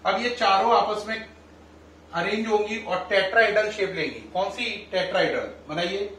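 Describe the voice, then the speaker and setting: High-voiced male chemistry teacher lecturing. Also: moderate pace, slight background noise. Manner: addresses students warmly as children, quizzes them. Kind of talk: classroom lecture. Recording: echoey room, mic at a distance.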